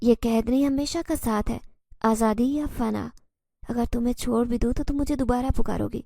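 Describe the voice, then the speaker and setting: A woman's voice: fairly high pitch, fairly even intonation, vocal fry, mellow, no echo, clean studio sound. A woman voicing an obsessive, possessive male jinn who speaks intensely and insistently in a horror story.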